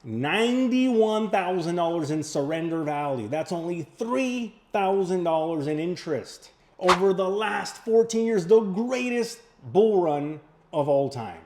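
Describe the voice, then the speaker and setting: Guy hosting money stuff, kinda high voice, slangy and emphatic, spells out the numbers. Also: animated, unhurried, darkish tone, a little hiss or hum. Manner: emphatic, repeats figures to check understanding. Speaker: host, financial advisor. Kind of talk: probing questioning on a call and explainer to viewers.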